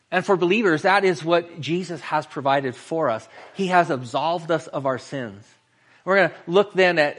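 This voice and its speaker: A man preaching a sermon in an earnest way, slowing down and pausing for emphasis. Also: medium pitch, a bit bright. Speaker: pastor.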